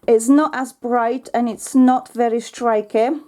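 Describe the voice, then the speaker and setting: A woman from Poland with a Polish accent, a slightly croaky voice and an earnest manner, hosting a crafting tutorial. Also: on the high side, fairly even intonation, slow. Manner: warm, earnest, many fillers. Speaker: craft channel host.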